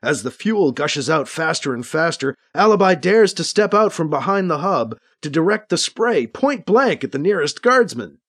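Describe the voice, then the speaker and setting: A man narrates a science-fiction audiobook in a steady, storytelling manner. His voice sits a little high for a man. The pitch moves in a lively, animated way through each sentence. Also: normal speed, hardly any pauses, dry recording, clean studio sound.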